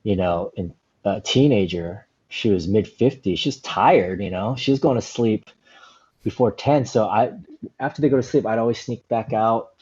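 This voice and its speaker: Low, mellow-voiced man in his forties. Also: normal speed, husky, dull audio. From Southern California, USA. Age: 40s. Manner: relaxed, rambling, heavy use of "you know" and "like". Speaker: stand-up comedian, guest. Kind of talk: casual interview storytelling.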